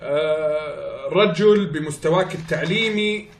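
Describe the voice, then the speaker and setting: A man's voice: fairly high pitch, measured pace, slight background noise. A man making a prank phone call in a hesitant, stalling way. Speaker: prank caller. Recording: echoey room.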